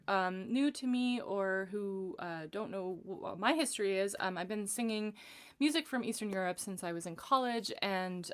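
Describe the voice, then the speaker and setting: A woman from Los Angeles leading a livestream vocal warm-up lesson as a vocal coach, chatty and encouraging with lots of ums. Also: mid-range voice, clean tone. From Los Angeles, USA.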